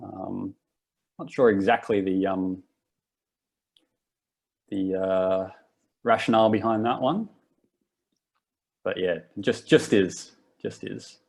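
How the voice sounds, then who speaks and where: With a deep, creaky voice, this workshop host takes his time and leaves long pauses. He's an Australian in his twenties, running a relaxed live session where he wanders off track and frequently begins sentences over.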